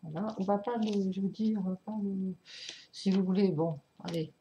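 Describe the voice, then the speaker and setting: In a casual vlog, a woman shows off her record collection, hesitating with lots of fillers and apologies while laughing excitedly and often. She moves closer to and farther from the camera mic. Her voice is mid-range at a normal speed, the high frequencies are cut off, and the background is noisy.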